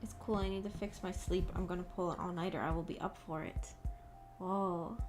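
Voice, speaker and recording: Rambling and hesitant, a woman VTuber thinks aloud while chatting casually with viewers during a livestream set to background music. Her voice is lowish and brisk, with fairly even intonation.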